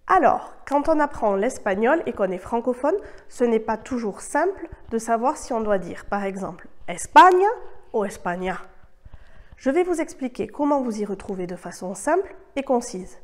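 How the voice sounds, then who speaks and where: A woman whose first language is French, giving a scripted online Spanish lesson in a clear, measured way and modeling the words. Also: a little high, lively intonation, darkish tone. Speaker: Spanish teacher.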